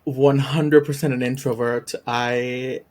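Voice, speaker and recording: Speaking slowly in a flat, mid-range voice with a darkish color, a Puerto Rican man sits in as a podcast guest for a casual chat. He reacts to videos on YouTube, speaks Spanish as his first language, and comes across timid, dropping many ums and small laughs.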